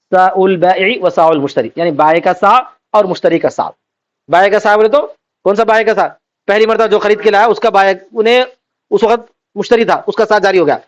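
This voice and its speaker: A man teaching Islamic law, reading out Arabic text and then explaining it by asking and answering his own questions. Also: high voice. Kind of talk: classroom lecture. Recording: dull lo-fi recording.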